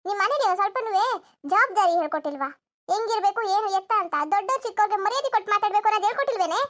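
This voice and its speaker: A woman's voice: very high-pitched, animated, rapid-fire, a bit bright. A woman voicing a bossy, scolding mother-in-law in a cartoon comedy, nagging and threatening. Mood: exasperated.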